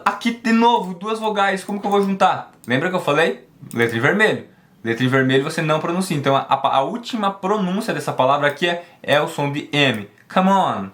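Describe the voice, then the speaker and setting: A man leads an online English lesson in a voice that sits a little high. He explains each point step by step and keeps checking that his listeners follow with a quick "ok?". For the English examples he slows down and stretches out each phrase. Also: fairly bright tone. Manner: switches to slow, drawn-out English for pronunciation demos. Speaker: English teacher.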